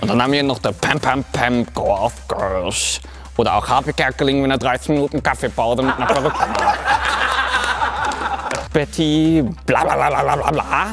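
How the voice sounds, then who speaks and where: A man performing as a drag queen, delivering a comedic roast of the other contestants with dry, drawn-out mockery. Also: medium pitch, creaky. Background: music.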